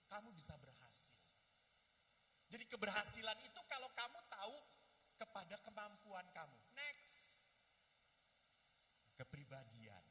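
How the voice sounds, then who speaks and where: A man, a priest, giving a lively talk to young people and acting out the voices of people in his stories. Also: sits high, measured pace, pauses often, in a large hall. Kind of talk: lively youth talk with acted dialogue. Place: hall at a youth gathering.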